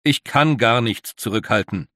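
A man's voice: mid-range voice, moderate pace, bright, forceful tone, no room sound, natural voice. A grave, worried older leader, as a male reader puts him on, who presses his points in an earnest, emphatic way. The voice is dry and close, like a storybook read aloud.

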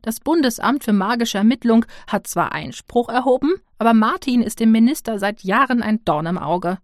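A woman's voice: a little high, moderate pace, no room sound, clean studio sound, pitched above the performer's own voice, natural voice. A woman voicing an indignant fussy official. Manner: animated, indignant scolding. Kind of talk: audiobook character voice.

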